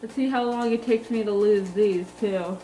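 A woman's voice: medium pitch, dark tone, a little hiss or hum. A woman vlogging casually from her home kitchen while baking, her voice muffled through a costume head, chatty and narrating each step. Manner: chatty, self-narrating, unhurried.

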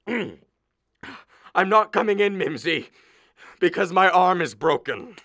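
A man's voice: medium pitch, expressive, slow, gravelly, fairly bright tone, breathy edge, no room sound, heavily acted. An actor playing an exasperated middle-aged father with a hurt arm in a radio play, groaning and complaining.

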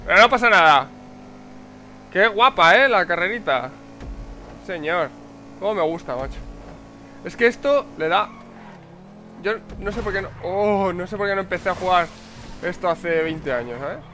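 Commentating his own car race, a gameplay commentator from Spain gets excitable, curses liberally, and spits out words in repeated bursts in a fairly high voice. His pace is moderate, broken by long pauses, and faint game noise sits in the background.

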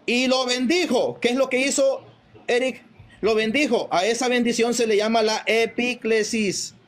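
A man in a live online debate, reading Bible verses slowly and arguing his point with stresses on each quoted line. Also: extremely high pitch, fairly even intonation.

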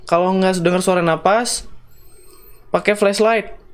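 A man's voice: sits high, steady tone, a little slow, smooth. A young man doing slangy let's-play commentary on a horror game, mixing in English phrases and shrieking at jump scares. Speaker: gaming YouTuber.

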